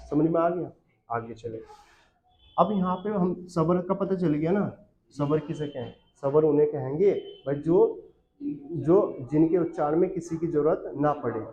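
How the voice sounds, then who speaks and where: A man's voice: on the high side, a little hiss or hum. A male teacher giving an exam-prep grammar lesson, asking questions and answering them himself. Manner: asks and answers his own questions, repeats lists. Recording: muffled lo-fi audio.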